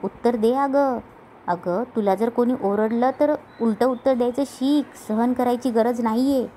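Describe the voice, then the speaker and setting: A woman voicing a hot-tempered young husband who scolds bluntly, slow and raised. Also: fairly high pitch, warm tone, a little hiss or hum, pitched above the performer's own voice, close to an everyday voice, rough recording. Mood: scolding.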